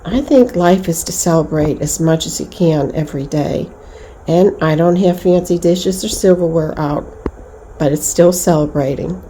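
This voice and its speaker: A woman's voice: deep voice, moderate pace, warm tone, roomy sound, a little hiss or hum, rough recording. A middle-aged woman vlogger chatting at home in a folksy, homey way about entertaining. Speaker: lifestyle vlogger. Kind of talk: casual home chat.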